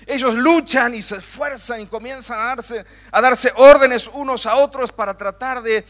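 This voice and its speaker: A man's voice: high voice, sharp tone. A man preaching a sermon with emphatic, building repetition, talking directly to his listeners.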